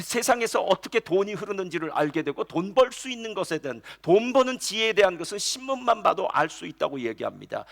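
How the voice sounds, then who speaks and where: A middle-aged man preaching a Sunday sermon as senior pastor, with animated delivery that drops to soft storytelling. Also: high-pitched.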